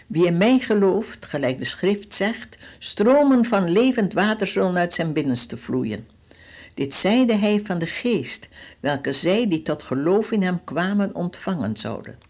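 A woman's voice: on the low side, lively intonation, measured pace, a little mellow. An older woman giving a short radio devotional talk, earnest and pleading, quoting scripture with dramatic shifts of voice. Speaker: evangelist. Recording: radio broadcast.

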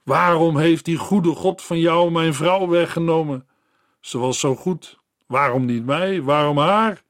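A man's voice: fairly high pitch, unhurried, no room sound, studio quality, natural voice. A man voicing a desperate, grieving widower who has been drinking, asking broken, pleading questions.

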